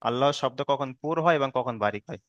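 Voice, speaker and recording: A man teaching Quran recitation rules in a patient online lesson, explaining slowly, checking in with students, and drawing out chanted examples. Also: mid-range voice, dry recording, highs cut off. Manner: drawn-out chanted Arabic examples.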